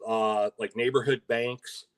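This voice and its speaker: A man's voice: medium pitch, level tone, slow pace, smooth. Chatty man with wry asides. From Michigan, USA. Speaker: co-host. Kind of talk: casual live-stream chat.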